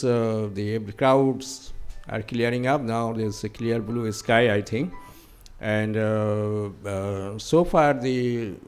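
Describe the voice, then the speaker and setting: A man answering audience questions at a conference, speaking haltingly with many fillers and restarts. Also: lowish voice, a little mellow.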